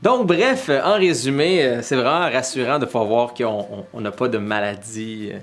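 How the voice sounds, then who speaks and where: A young man chats in a joking, animated way, often breaking into laughter. Faint music sits quietly under his voice. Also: medium pitch, moderate pace. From Lebanese descent. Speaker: vlogger co-host. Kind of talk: casual chat.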